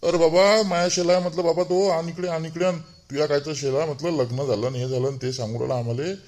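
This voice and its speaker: A chatty, fussy village man, voiced by a man in a cartoon, with a Vidarbha Marathi accent. He rambles and grumbles, half to himself, at a quick clip. His voice sits a little high. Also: steady tone, darkish tone, lightly acted. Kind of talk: cartoon voice acting.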